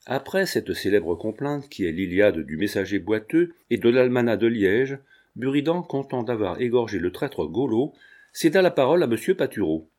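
A man narrating an audiobook with a measured, expressive reading. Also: medium pitch.

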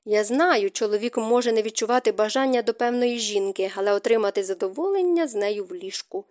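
A woman voicing a shy, insecure young bride in an audiobook romance, speaking in breathy, gasping tones. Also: fairly high pitch, brisk, darkish tone, no echo, studio quality, close to an everyday voice. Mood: vulnerable.

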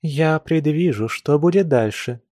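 A man reading a classic novel aloud, voicing a calm, composed young noblewoman with mild, lightly ironic speech. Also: fairly high pitch, measured pace, no room sound, clean studio sound, pitched above the performer's own voice.

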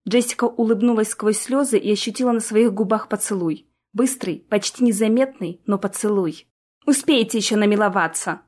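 A woman narrating a fantasy audiobook in a steady, even storytelling manner. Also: mid-range voice, normal speed, hardly any pauses. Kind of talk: scripted narration.

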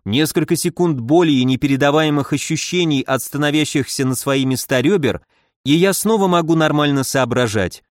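A man narrates a first-person story in a wry, brisk way. His voice sits slightly high for a man. The recording is dry and close, with no room sound. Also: dry recording. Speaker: audiobook narrator.

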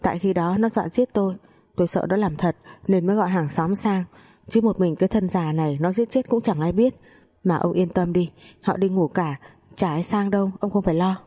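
A bitter, foul-mouthed old mother-in-law from a spoken family story, throwing coarse insults at everyone. A woman reads her in a low, mellow voice. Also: a little fast, close to an everyday voice. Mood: scornful. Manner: crude shouting insults.

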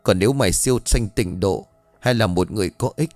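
A man's voice: lowish voice, brisk, darkish tone, no echo, soft background music, natural voice. A man voicing a frightened young woman in a spoken ghost story, stammering as she speaks. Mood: solemn. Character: frightened young woman, a grieving older sister.

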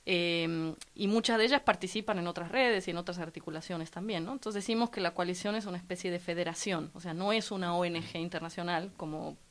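A woman from La Plata whose Argentine accent is mixed with Mexican, explaining her organization's work calmly and fluently as a guest in a radio studio interview. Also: fairly low pitch. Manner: measured, fluent, structured explanations with frequent "¿no?" and "digamos". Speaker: guest, coalition president.

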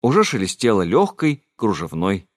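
Man reading a story aloud, lots of pitch movement, dry close sound. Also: wildly swooping pitch, normal speed, no room sound. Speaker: narrator. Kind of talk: audiobook reading.

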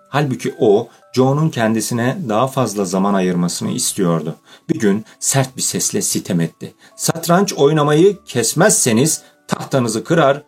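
A man narrates a children's audiobook in a steady, measured way. His voice sits low and slightly husky. Faint music plays softly beneath him. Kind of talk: scripted narration.

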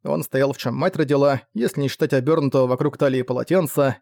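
A man's voice: mid-range voice, fast talker, creaky, darkish tone, no echo, studio quality. A man giving a vivid, dramatic scripted narration of a fantasy novel. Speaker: audiobook narrator.

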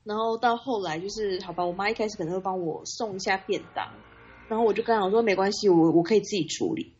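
A woman co-hosting a casual chat, telling her story in a quick, laughing way. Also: medium pitch, a little mellow, breathy edge. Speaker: podcast co-host. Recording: dull lo-fi sound.

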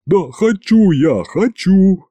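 A man voicing a timid male governor who squeaks and shrieks in a high shrill voice. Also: lively intonation, slow, warm tone, no room sound, full character voice. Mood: squealing.

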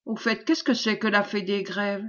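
A woman reading the lines of a gruff, impatient knight who grumbles curtly, in a storybook reading. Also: medium pitch, steady tone, moderate pace, fairly bright tone, highs cut off, lightly acted. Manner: grumbling, curt. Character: gruff, greedy young knight, blunt and impatient.

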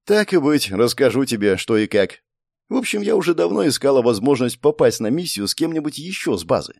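Male reader voicing a young blonde game player, mocking and quick, pitched up, dry read. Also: big pitch swings, gravelly, darkish tone, no echo. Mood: teasing, brisk. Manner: snappy, teasing, exclamatory.

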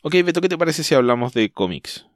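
A Chilean man hosting a podcast in casual chat, talking thoughtfully and often pausing to restart his sentences. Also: on the high side, big pitch swings, dry recording, clean studio sound. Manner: thoughtful, hesitant, trails off and restarts mid-thought. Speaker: podcast host.

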